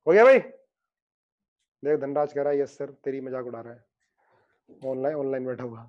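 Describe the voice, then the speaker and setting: A man's voice: medium pitch, moderate pace, a little mellow, highs cut off. A man teaching chemistry in an online lecture, joking and teasing his students by name and explaining with playful analogies.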